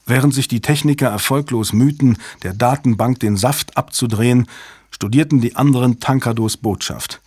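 A man narrating a thriller audiobook in a steady, dramatic way. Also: mid-range voice, moderate pace, breathy edge, no echo, clean studio sound. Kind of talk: audiobook reading.

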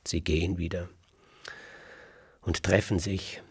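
Male folk-tale teller, dramatic and lively, deep gravelly voice with a husky grain. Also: slow, no echo. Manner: lively, dramatic, drops to a whisper for suspense. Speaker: storyteller. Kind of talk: oral folk-tale storytelling.

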